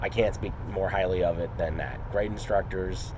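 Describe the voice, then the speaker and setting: A man's voice: deep voice, fairly even intonation, moderate pace, background noise. A man speaking off the cuff in an earnest, rambling, casual vlog style. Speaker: wrestling student.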